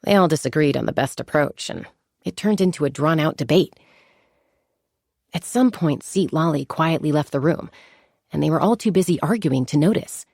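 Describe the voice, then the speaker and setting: In a scripted game monologue, a composed, confident young woman, a seasoned flying warrior and peacemaker, tells a story with amusement. Her low voice is expressive, creaky, a little mellow and husky, heavily acted, with a measured, articulate, reflective delivery in a dry, studio-quality recording.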